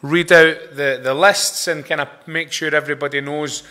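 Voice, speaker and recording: A man's voice: a little high, fairly even intonation, normal speed, pushed and bright. A man in his thirties with a Glasgow accent, giving informal announcements as he leads a chapel gathering from the lectern. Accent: Glaswegian Scottish. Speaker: chapel service leader. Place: brick-walled chapel with a seated congregation. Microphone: lectern microphone.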